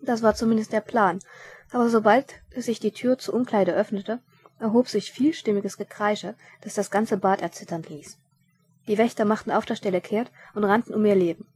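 A woman's voice: medium pitch, fairly even intonation, moderate pace, darkish tone. Woman reading a story aloud. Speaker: narrator.

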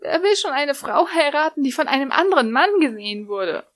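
Woman reader doing a young female mage, high and shrill, tearful and whimpering, storybook reading. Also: sing-song, a little fast, a bit bright.

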